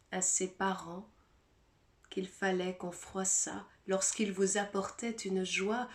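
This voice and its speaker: Slow, soft-voiced woman reciting poetry. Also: fairly low pitch. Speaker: mezzo-soprano reciting a poem. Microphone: phone.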